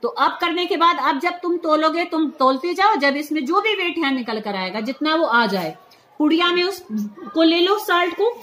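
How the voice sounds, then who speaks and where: A woman teacher with a high voice explains a lab procedure step by step in a school chemistry lab. She talks patiently and keeps checking that her students follow along. The room gives her voice a clear echo. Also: lively intonation, normal speed, fairly bright tone. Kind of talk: hands-on lab demonstration. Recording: roomy echo.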